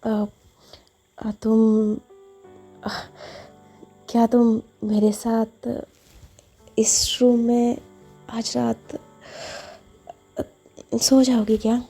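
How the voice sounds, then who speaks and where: A woman's voice: fairly high pitch, completely flat delivery, very slow, pauses often, mellow, faint music behind, exaggerated voice. A woman voicing a bold, lovestruck young woman who coaxes and boasts. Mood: eager.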